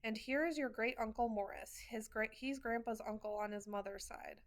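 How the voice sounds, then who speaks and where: A woman's voice: on the high side, normal speed, lightly acted. A woman reading as a bossy, doting old grandmother. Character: fussy, fond old grandmother.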